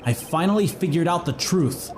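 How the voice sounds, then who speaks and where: Animated man reading game dialogue. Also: a little high, normal speed, faint music behind. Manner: animated, joking, reads dialogue aloud. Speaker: let's-play host. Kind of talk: playful game commentary and voicing.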